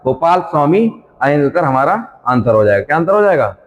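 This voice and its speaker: A man with a slightly high voice runs a quiz-style exam revision lesson. He reads each question with its options aloud, repeats it, then gives the answer. The recording sounds dull, with a long hall reverb. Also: very animated, fairly quick. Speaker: exam coaching teacher.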